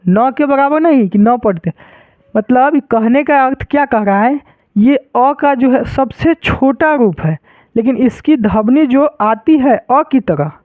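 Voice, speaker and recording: High-voiced male teacher, tinny. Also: expressive, unhurried, no echo. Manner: repetitive, keeps checking students follow. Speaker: Sanskrit teacher. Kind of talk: classroom-style lesson explanation. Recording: dry, tinny phone-like sound.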